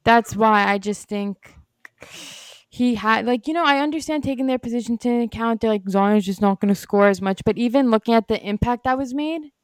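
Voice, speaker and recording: A young woman co-hosting a podcast, talking sports in a chatty, animated way with lots of fillers. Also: a little high, brisk, dry recording. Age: young adult. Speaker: podcast co-host. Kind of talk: casual sports chat. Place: home with dogs.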